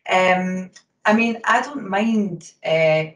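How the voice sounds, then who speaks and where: A Scottish woman answers interview questions about refereeing at a quick pace, full of ums and you-knows. She sits back from the microphone, so her voice reaches it faintly, and the room gives it a roomy echo. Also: on the low side. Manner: talks quickly, with fillers. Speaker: hockey umpire. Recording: roomy sound from a distance from the mic.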